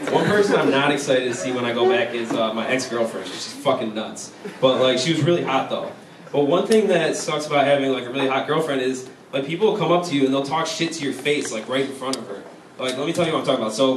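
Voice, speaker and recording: Young adult male stand-up comic, American, casual talky delivery, recorded from afar with clear background noise and audience laughs. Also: medium pitch. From Chicago, United States. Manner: casual, conversational delivery with frequent "like". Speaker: stand-up comedian. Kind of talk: stand-up comedy set. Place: live stand-up show in a university venue. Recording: echoey, distant, noisy live room recording. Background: crowd laughter.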